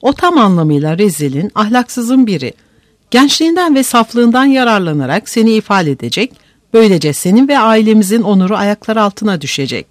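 A narrator reading a novel aloud in an expressive, dramatic manner. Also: medium pitch, brisk, no echo, studio quality. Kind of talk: audiobook narration.

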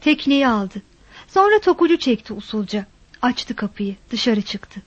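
A woman reading a novel aloud in measured, steady audiobook narration. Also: a little high, no echo, highs cut off.

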